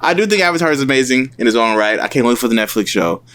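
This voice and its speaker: A man's voice: mid-range voice, animated, fast talker, fairly bright tone, clean tone. A man hosting a casual podcast, joking and teasing his friends as he runs a show tournament. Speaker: podcast host. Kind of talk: casual chat.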